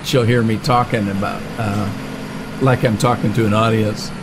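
Speaking at a normal pace in a steady, fairly low voice, a middle-aged man offers loose let's-play commentary on a farming game for his channel. His talk is chatty and meandering, full of fillers and restarts, with the game's tractor and engine noise clearly present in the background.

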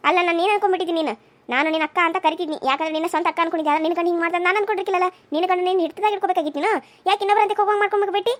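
A scheming young woman in a cartoon serial, voiced by a woman demands and accuses. Her voice is very high and she talks fast. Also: a bit bright. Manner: accusing, insistent. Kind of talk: cartoon voice acting.

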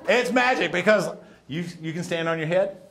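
A man's voice: high-pitched, animated, normal speed, creaky, fairly bright tone. A middle-aged man presenting a hands-on show for children with the playful, teasing patter of a kids' party magician. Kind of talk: hands-on children's science demonstration. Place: wooden classroom cabin, indoors.

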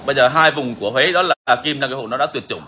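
A man's voice: mid-range voice, fast, pushed and bright, a little hiss or hum. A man hosting a bird-keeping channel, talking casually and frankly to viewers, repeating himself often. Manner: frank, repetitive, chatty.

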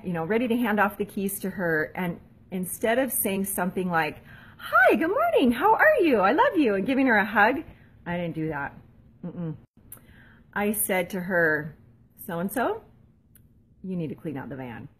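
A woman in her forties talks straight to her viewers like a friendly mentor, her tone slightly breathy and husky. She is chatty and laughs at herself, and she acts out everyday lines in a bright, much higher voice before dropping back to her own middle-pitched voice. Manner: laughs easily, chatty and self-deprecating. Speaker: mentor and blogger. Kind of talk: casual motivational talk to camera.

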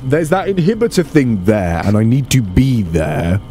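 Animated man swearing at a game. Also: medium pitch, moderate pace, music in the background. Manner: swears freely, talks to game characters, bursts of exasperation. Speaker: let's play host. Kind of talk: casual gameplay commentary.

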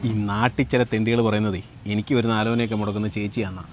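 An actor playing a young bachelor whose marriage proposals keep falling through, in a comic short film, with rapid, dramatic complaining. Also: male voice, on the low side, level tone, background noise, lightly acted.

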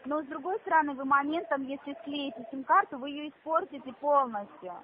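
A woman's voice: high voice, fairly quick, slight background noise. A woman working as a call centre operator, speaking in a formal, instructive customer service voice on a support call. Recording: tinny narrow-band phone line.

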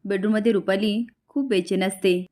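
Female recap narrator, brisk storyteller, mid-pitched, everyday voice. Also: fairly even intonation, a little mellow. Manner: brisk retelling, lightly voicing each character's lines.

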